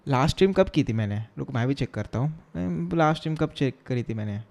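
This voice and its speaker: Mellow-voiced young man streaming code. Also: medium pitch, expressive, fast talker, gravelly. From Chennai, India. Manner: chatty and joking, reading viewer chat aloud and answering it; mixes Hindi and English tech terms freely. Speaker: coding live streamer. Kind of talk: casual live-stream chat while coding.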